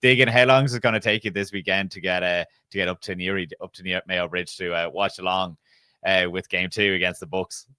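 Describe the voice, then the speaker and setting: Irish man, deep voice, bright forceful tone, dry close sound, casual bantering co-host. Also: steady tone, brisk, clean tone, no echo. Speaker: podcast co-host.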